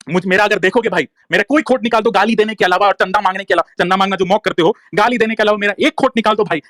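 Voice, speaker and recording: High-voiced man in a rapid-fire heated rant. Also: a bit bright, no room sound. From Bihar, India. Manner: heated, profane, repetitive, defiant. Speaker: online activist speaking in a live audio room. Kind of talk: angry ranting monologue.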